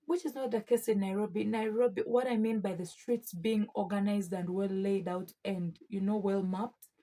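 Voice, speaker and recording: Casting: young woman vlogger, Ugandan East African accent, mellow husky tone, chatty and emphatic delivery. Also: mid-range voice. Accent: Ugandan East African English. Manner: emphatic, expressive, often addressing listeners as friends. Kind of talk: casual chatty vlog addressed to viewers.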